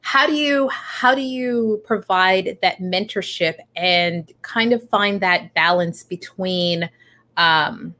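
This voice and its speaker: A woman hosts a podcast interview in a bright, forceful voice that sits a little low. She asks her questions haltingly, with many fillers and restarts. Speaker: podcast host. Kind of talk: casual interview conversation.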